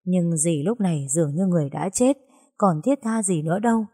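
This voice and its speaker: Low, mellow woman narrating a story. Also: a little fast, husky. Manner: even, storytelling.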